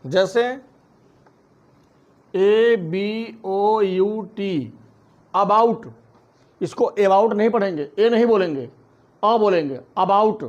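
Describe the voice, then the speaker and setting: A man teaching a phonics lesson, spelling words out letter by letter and then saying each one slowly. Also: sits high. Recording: dull lo-fi recording.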